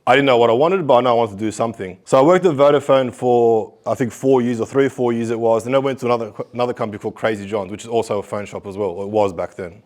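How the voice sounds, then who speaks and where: A man's voice: medium pitch, fast, few pauses, a little mellow. A middle-aged man giving a motivational talk to school students, telling his life story and acting out the conversations in it. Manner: storytelling, acts out dialogue. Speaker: guest speaker. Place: school hall.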